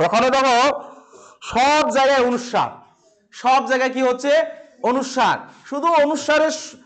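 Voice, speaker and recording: A man with a West Bengal accent teaching a classroom grammar lesson, asking questions and answering them himself, stressing key words slowly and repeating them. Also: very high voice.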